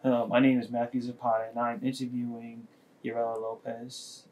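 Flat-voiced young man asking questions. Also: medium pitch, fairly quick, heavy background noise. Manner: reads short questions plainly. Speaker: student interviewer. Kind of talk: oral history interview.

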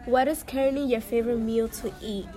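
A woman's voice: a little high, fairly even intonation, brisk, mellow, soft background music. A woman interviewing someone, chatty and curious, asking follow-up questions. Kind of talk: casual interview. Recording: noisy crowd behind. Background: crowd chatter.

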